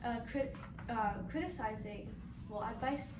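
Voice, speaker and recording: A woman's voice: a little high, a little slow. Hesitant female evaluator in echoey, noisy room. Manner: hesitant, searching for words. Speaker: speech evaluator. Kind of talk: formal spoken evaluation. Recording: echoey room, distant mic, loud noise.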